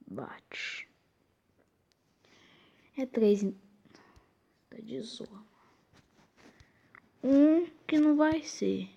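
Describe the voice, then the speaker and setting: High voice, slow pace, Brazilian accent, slushy tongue-tied s, informal muttering, casual quiz game commentary. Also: lively intonation, creaky, warm tone, dull audio. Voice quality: tongue-tied lisp with slurred s sounds. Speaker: gaming video host.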